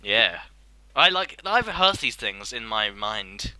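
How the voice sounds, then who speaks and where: A man's voice: lowish voice, big pitch swings, takes it slowly, bright, forceful tone, poor audio. A young man hosting a casual podcast chat, laughing a lot, speaking over voice chat. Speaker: podcast host.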